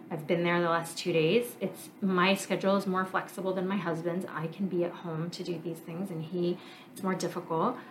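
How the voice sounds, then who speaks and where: A woman's voice: mid-range voice, slight background noise. A woman in her thirties hosting her own podcast, talking candidly and reflectively, thinking aloud with fillers. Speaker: podcast host, marriage coach and therapist. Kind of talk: casual personal monologue.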